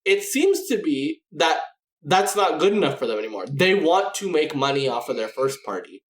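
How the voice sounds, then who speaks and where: A man's voice: fairly high pitch, big pitch swings, moderate pace, reverberant. A man co-hosting a casual gaming podcast, rambling through his points with many restarts and "you know"s. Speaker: podcast co-host.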